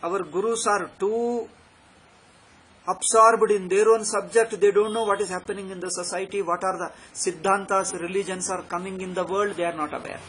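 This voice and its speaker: A man's voice: high voice, steady tone, moderate pace, a bit bright, breathy edge, rough recording. A man with a South Indian accent giving an extempore spiritual discourse, exhorting emphatically and repeating his points with short tag questions. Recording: background noise.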